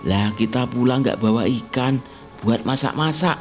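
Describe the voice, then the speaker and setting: A man voicing a curious, bossy young girl who asks lively questions and scolds her friend, over background music. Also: mid-range voice, moderate pace, voice pushed up, close to an everyday voice. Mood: questioning. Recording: music playing underneath.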